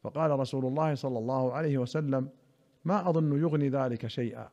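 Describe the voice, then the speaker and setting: A man, a radio presenter and scholar, reading and explaining classical religious texts in a careful, deliberate way, slowing down on key words. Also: mid-range voice, warm tone. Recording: muffled lo-fi radio recording.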